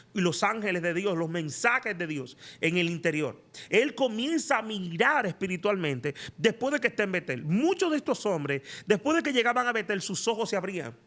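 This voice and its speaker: A man's voice: high-pitched, a bit bright. A man preaching a sermon as a prophet and teacher, asking emphatic rhetorical questions. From Latin America.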